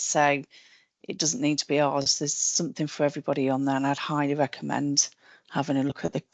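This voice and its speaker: A woman's voice: lowish voice, dry recording. A woman on a mental health team, speaking on a webinar panel with enthusiasm and repeating words as she thinks. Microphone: video call.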